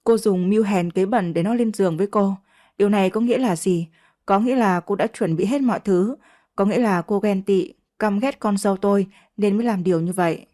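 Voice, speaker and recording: A woman's voice: medium pitch, fairly quick, mellow, natural voice. A stern older mother-in-law who scolds with cold contempt, as a woman narrator reads her. The storybook voice stays close to an everyday female voice. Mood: scornful scolding.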